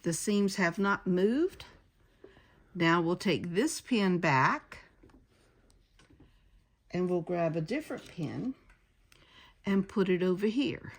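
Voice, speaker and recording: A woman's voice: fairly low pitch, lively intonation, slow, long pauses. A woman giving a hands-on sewing tutorial, explaining each step as she goes, with sewing machine noise behind her. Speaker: sewing instructor. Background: sewing machine noise and clicks.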